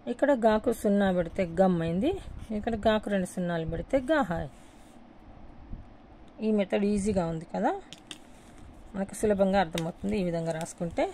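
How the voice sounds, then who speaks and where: A patient woman teaching a writing lesson step by step, repeating each point as she writes it out. Her voice is low-toned and gravelly with a soft, dark edge. A faint hiss of room noise sits behind her. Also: brisk, pauses often.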